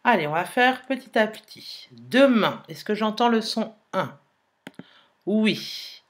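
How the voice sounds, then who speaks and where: A woman teacher, slowly dictating a sentence and spelling out letters in a phonics lesson. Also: mid-range voice, expressive. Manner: slow, careful dictation, repeating and spelling letters aloud.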